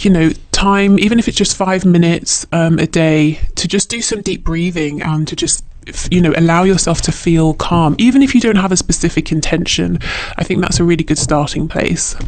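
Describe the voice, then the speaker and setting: In an unscripted spiritual reading for the viewer, a male tarot reader speaks reflectively in a high-pitched voice, frequently pausing as he hunts for words. There's a little hiss or hum in the audio.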